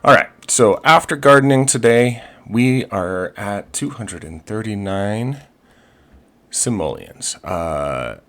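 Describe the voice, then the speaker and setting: A gaming video host comments casually over his life-simulation gameplay, upbeat and chatty, full of fillers, restarts, and playful pirate talk. His lowish voice is expressive and fairly bright, and he takes his time.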